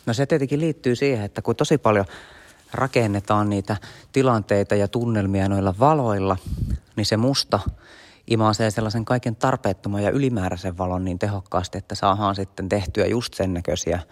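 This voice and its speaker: Chatty man guiding a tour. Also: lowish voice. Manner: chatty, guiding listeners through spaces. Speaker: podcast host. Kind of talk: walking tour narration.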